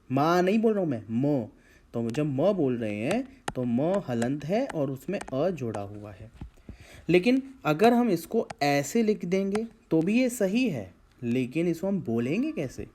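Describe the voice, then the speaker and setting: Animated man teaching grammar. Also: a little high, a little hiss or hum. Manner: patient, explains step by step with checking fillers; stretches vowel sounds to demonstrate pronunciation. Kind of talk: Hindi grammar lesson.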